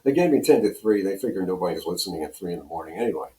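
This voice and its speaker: Racing along with lively intonation, an older American from Pennsylvania swaps rambling radio stories as an interview guest, acting out what people said. His deep voice is warm, and the sound is roomy and echoey.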